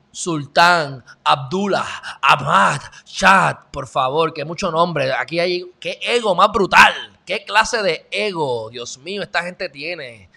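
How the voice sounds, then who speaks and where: A man hosting an online show, giving casual, animated and sarcastic commentary on news and talking straight to his viewers. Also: high voice, vocal fry.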